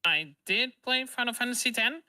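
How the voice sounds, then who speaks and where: A man's voice: very high voice, expressive, moderate pace, sharp tone, dry recording. A man as a guest in a casual podcast chat, enthusiastic and repeating his words.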